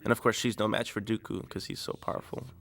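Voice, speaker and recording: Man giving a relaxed DVD commentary. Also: lowish voice, quick pace, gravelly, faint music behind. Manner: relaxed, rambling, many fillers. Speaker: director.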